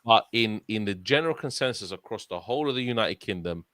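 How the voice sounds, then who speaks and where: Talking fast in a lowish, slightly bright voice with lively intonation, this young Londoner co-hosts a laid-back football podcast. He's earnest and rambling, restarts often, and keeps tagging "yeah?" onto what he says. The recording is dry with clean studio sound.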